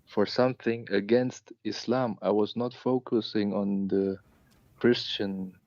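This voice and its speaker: Male caller, late 20s, from Germany, halting speech, low voice, dull dry line. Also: steady tone, a little mellow, no room sound. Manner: halting, with many fillers and restarts. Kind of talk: phone-in caller telling a personal story.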